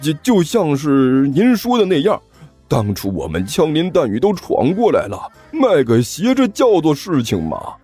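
A man's voice: fairly high pitch, huge pitch swings, unhurried, warm tone, husky, soft background music, voice pushed up, exaggerated voice. A man voicing a nervous young male sidekick who stammers and pleads. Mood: flustered.

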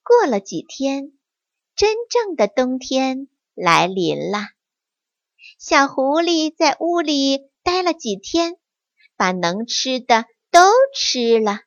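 A woman tells a bedtime story slowly and softly, her fairly high voice rising and falling in a lively storyteller's lilt. The recording is close and dry, with a dull, lo-fi sound. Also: no room sound. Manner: gentle, slow, sing-song storytelling.

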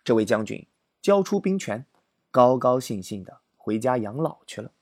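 A man narrating history as a comic story, animated and exaggerated. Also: medium pitch, moderate pace, dry recording, studio quality.

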